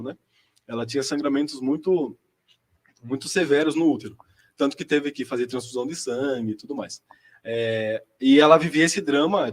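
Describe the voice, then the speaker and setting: Fast-talking high-voiced Brazilian young man. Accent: Brazilian Portuguese. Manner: chatty and slangy, lots of fillers. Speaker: seminarian giving a vocation testimony. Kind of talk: casual personal storytelling.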